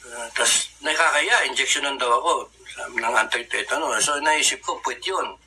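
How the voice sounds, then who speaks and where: A man's voice: mid-range voice, moderate pace, pushed and bright, slight background noise, rough recording. A man from the Philippines casually recounting a survival story, chatty, laughing at his own tale and acting out the lines of the people in it.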